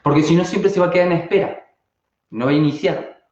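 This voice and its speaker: A man with an Argentine Spanish accent teaching an online class, animated and constantly asking rhetorical questions and then answering them. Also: a little high, fairly quick. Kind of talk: live online class talk. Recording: dull, roomy sound.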